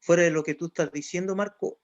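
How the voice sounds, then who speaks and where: A man in casual conversation, reflective and measured as he recalls and paraphrases what was said. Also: on the high side, steady tone, no room sound. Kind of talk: casual chat. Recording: dull lo-fi recording.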